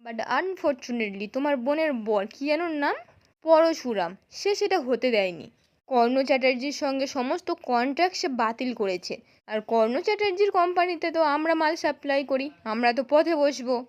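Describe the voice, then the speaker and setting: Woman reading as a nasty young husband, sneering and taunting, high voice. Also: lively intonation, moderate pace. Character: young husband, scheming and mocking.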